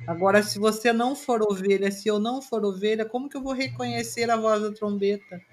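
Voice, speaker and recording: Calm woman pastor. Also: mid-range voice, fairly quick. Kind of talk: Bible reading and co-host interjections.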